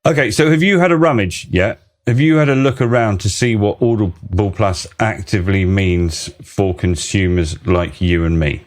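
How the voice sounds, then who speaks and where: Podcast host, man, low voice, rambling and animated. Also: moderate pace, hardly any pauses. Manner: rambling, excitable, laughing. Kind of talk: casual podcast chat.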